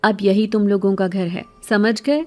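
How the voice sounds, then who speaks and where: A woman's voice: mid-range voice, little pitch movement, dark tone, close to an everyday voice. A woman voicing a middle-aged beggar woman in a horror story, pleading and sweet-sounding, later harsh and scolding. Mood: harsh angry.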